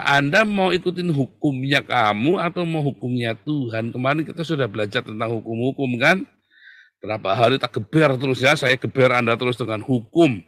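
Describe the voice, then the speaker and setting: A male preacher giving a sermon in everyday, colloquial language. He suddenly rises into loud exhortation and then drops into quiet, confiding asides, with a voice of medium pitch. The sound is dry and close, with no room echo. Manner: swings from loud exhortation to soft hushed asides; colloquial, laughs at his own jokes. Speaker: pastor.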